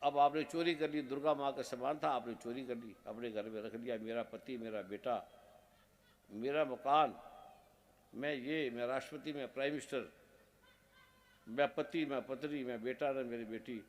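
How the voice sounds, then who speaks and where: A man's voice: medium pitch, normal speed. A man, a spiritual guru, preaching a devotional sermon in short, repeated phrases, stern and earnest.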